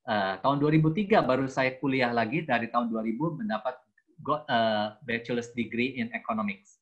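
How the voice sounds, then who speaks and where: A man in his sixties, a theology teacher appearing as a guest speaker, gives a youth group a chatty, self-mocking personal testimony, slipping into English phrases. His voice is medium-pitched at a moderate pace, and the audio sounds dull.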